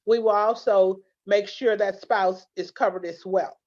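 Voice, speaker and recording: In an interview captured with dull lo-fi audio, a legal plan representative appearing as a guest shares earnest stories full of restarts. She speaks unhurriedly at a medium pitch, with a steady, darkish tone.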